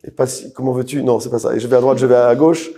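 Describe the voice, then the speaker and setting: Guy running a speaking class, mellow tone, keeps repeating himself, calls on people by name. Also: medium pitch, fast. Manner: lively, repeats words, addresses trainees by name. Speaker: speaking trainer. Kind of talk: live training session.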